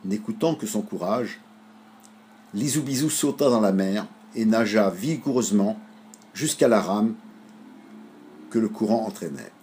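A man reading a children's story aloud with a husky voice, in an animated, expressive way. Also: lowish voice, measured pace, long pauses, a little hiss or hum.

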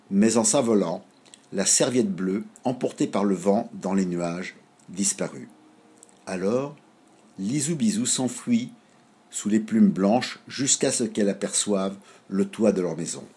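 A man reading a children's story aloud with a husky voice, in an animated, expressive way. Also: fairly low pitch, unhurried.

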